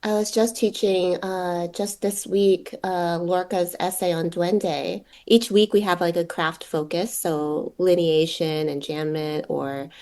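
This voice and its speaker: A woman's voice: on the low side, steady tone, takes it slowly, few pauses, darkish tone. A woman poet and teacher answering interview questions in an informal, reflective way, thinking aloud as she goes.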